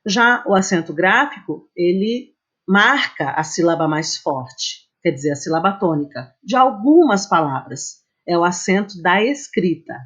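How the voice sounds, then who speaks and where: Slow, patient woman teaching grammar. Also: fairly low pitch, animated, fairly bright tone. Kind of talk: slide-based grammar lesson. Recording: dull, muffled lo-fi recording.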